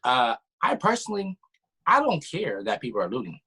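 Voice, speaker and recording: A young man from the Bay Area speaking in a casual group talk, slangy and halting but heartfelt. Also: mid-range voice, huge pitch swings, bright, forceful tone, slightly rough, low-quality recording. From San Francisco Bay Area. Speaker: panel guest. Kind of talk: casual discussion.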